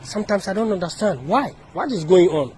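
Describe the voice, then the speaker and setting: A Ghanaian-accented man records an impassioned message outdoors, hammering points home by repetition. His voice is high for a man, and faint traffic drifts in behind him. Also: lively intonation, a little fast, a little mellow, rough recording. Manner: repetitive, emphatic, with many restarts. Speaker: activist speaking to camera.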